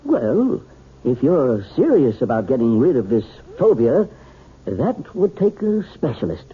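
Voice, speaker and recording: An actor playing a folksy family doctor in a 1970s radio drama, plain-spoken, tentative and reassuring. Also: male voice, medium pitch, big pitch swings, unhurried, slightly rough, exaggerated voice. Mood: hesitant. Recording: muffled, tinny old radio broadcast.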